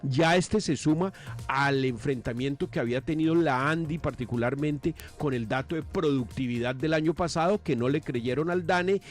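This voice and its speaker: A man's voice: fairly high pitch, a little mellow. A Colombian man giving opinionated live news commentary, indignant and emphatic, often asking questions and answering them himself. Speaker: economics commentator on a news programme.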